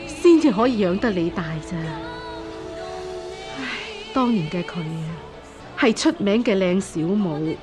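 Speaking with a Hong Kong Cantonese accent and a medium-pitched voice, a woman plays a gentle, resigned middle-aged foster mother in a radio drama. Her light acting includes sighs and soothing tones as she talks.

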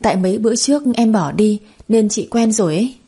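A woman voicing a scheming young woman who flatters in a honeyed, ingratiating way. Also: mid-range voice, fast talker, husky. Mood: sugary flattering.

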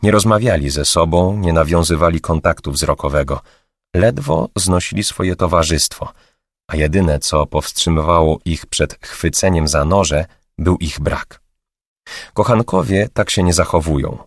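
A man narrates an audiobook with a very deep, low voice. His reading is steady and even. The sound is dry and close, with no room around it. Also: unhurried, no room sound. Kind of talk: scripted narration.

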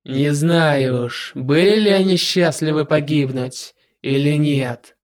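A man voicing a smug, menacing male demon lord with a dry voice, speaking slowly and in a drawn-out way. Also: a little high. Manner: slow, drawn-out, self-satisfied delivery.

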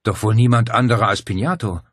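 A man's voice: lowish voice, quick pace, husky, dry recording, clean studio sound, pitched above the performer's own voice. A man voicing a courteous, anxious older clergyman in an audiobook, polite and solicitous in manner. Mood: concerned. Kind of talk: audiobook character voice.

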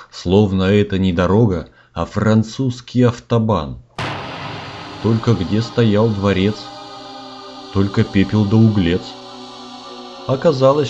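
A man with a low, darkish voice performs a comic fairy tale in rhyme, using a theatrical storyteller's delivery. The recording sounds dull, with music playing in the background.

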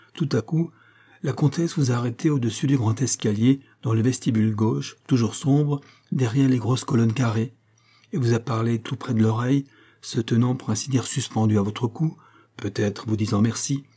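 A man reading the part of a shrewd, composed male detective in an audiobook, speaking in a crisp, assured way. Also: medium pitch, dark tone, lightly acted.

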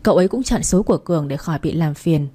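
A woman storyteller reading a story in a steady, even scripted narration. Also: low voice, quick pace, breathy edge.

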